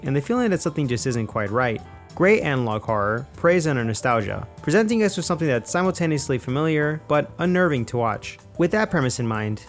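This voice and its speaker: Over background music, a man with a mid-range voice narrates a scripted film-criticism video essay, sounding measured, conversational, and opinionated.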